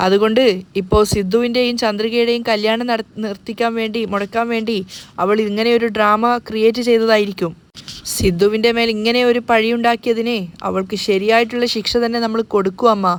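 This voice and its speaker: A woman's voice: a little high, steady tone, fairly quick, lightly acted. A woman voicing a confident young daughter consoling her mother in a serial recap. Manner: soothing, confident.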